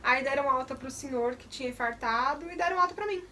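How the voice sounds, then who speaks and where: A woman's voice: sits high, quick pace, recorded from a distance, over a noisy crowd. A young woman, candidly recounting a personal testimony in detail. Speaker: vlogger. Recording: voice a bit off the mic.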